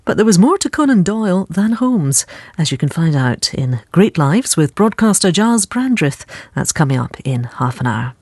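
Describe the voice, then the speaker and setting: A British man makes scripted radio announcements in a fairly high, very animated voice. The sound is dry and close, with no room to it. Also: moderate pace, no room sound.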